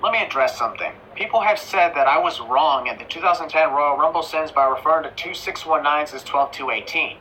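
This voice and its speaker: A man's voice: fairly high pitch, a little fast, hardly any pauses. A man narrating a scripted commentary voice-over in a sarcastic, critical manner. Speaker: video narrator. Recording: voice-over with steady background noise.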